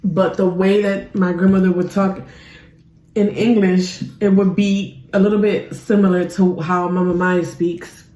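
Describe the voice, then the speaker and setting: A woman's voice: on the low side, little pitch movement, a little slow, dark tone. A woman chatting casually and playfully with her daughter while eating on camera, teasing her in a slangy way. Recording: roomy echo.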